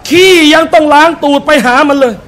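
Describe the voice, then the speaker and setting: A man's voice: extremely high pitch, brisk, a bit bright. A man preaching a sermon to a live audience, telling personal anecdotes and calling out to his listeners as brothers and sisters. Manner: tells personal anecdotes and acts out short quotes. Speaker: Islamic religious teacher. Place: restaurant hall with a live audience.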